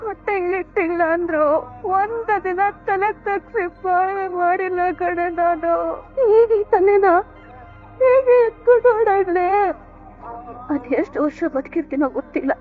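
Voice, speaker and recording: A woman's voice: very high-pitched, steady tone, normal speed, hardly any pauses. An actress playing a grieving middle-aged mother in a TV serial, speaking in anguished, lamenting speeches. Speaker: mother of a son accused of theft. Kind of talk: TV serial acting. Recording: tinny lo-fi TV audio with music.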